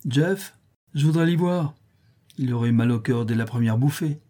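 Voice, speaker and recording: A man's voice: mid-range voice, moderate pace, mellow, lightly acted. A man reading a storybook, voicing a homesick young boy who whines and sulks. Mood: boastful. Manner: whining, sulky.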